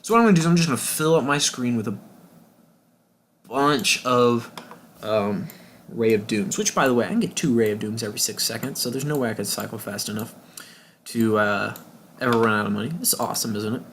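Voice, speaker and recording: A young man giving casual, rambling commentary over a video game, with sudden excited outbursts and whispered asides. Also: medium pitch, fairly quick, slight background noise. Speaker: gaming YouTuber.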